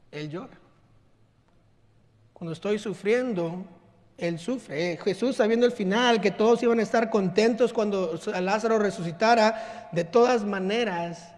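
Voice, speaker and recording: A man preaching a sermon as pastor, earnest, often dropping soft and low to stress a point. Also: long reverb tail. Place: church sanctuary.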